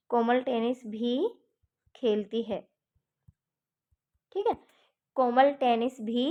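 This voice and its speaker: A woman's voice: a little high, darkish tone. A woman teacher giving an exam-prep grammar lesson, explaining step by step and repeating each example before checking in with her students.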